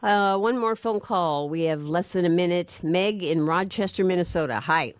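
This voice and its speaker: A woman hosting a radio call-in show from a studio, friendly and brisk as she moderates callers and keeps time. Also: lowish voice, dry recording. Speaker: radio talk show host.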